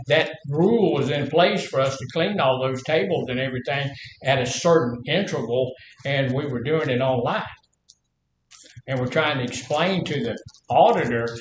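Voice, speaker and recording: A man's voice: medium pitch, reverberant, a little hiss or hum, low-quality recording. A middle-aged man teaching a casual class, folksy and full of questions to the room. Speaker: health instructor.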